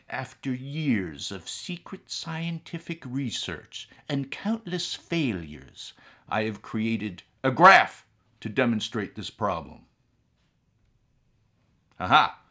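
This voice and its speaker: A middle-aged man playing a ghoulish horror host, speaking in a drolly morbid, theatrical, drawn-out manner. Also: lowish voice, bright, forceful tone, heavily acted. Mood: grandly mysterious. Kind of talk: comic horror-host monologue to viewers. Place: small indoor room with collectible shelves.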